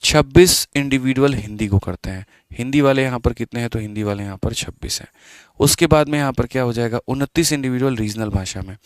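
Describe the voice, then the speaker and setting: A man's voice: mid-range voice, clear, resonant tone, no echo. A man teaching maths in a live online exam-prep class, chatty and scolding his students, mixing English terms into his talk.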